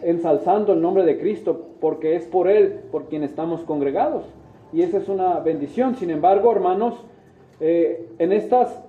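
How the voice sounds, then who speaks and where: An earnest male pastor preaching in a slightly high voice. His sermon rings through an echoey church, and the sound is thin and tinny, like a phone line. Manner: earnest, addresses listeners as brothers, frequent "¿verdad?". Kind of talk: sermon with prayer. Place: church sanctuary.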